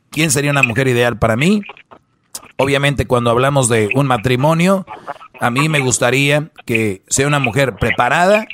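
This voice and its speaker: Male advice host, average pitch, conversational and emphatic, driving points home through repetition. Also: background noise. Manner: opinionated, repeats points for emphasis, rhetorical questions. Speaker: radio advice show host.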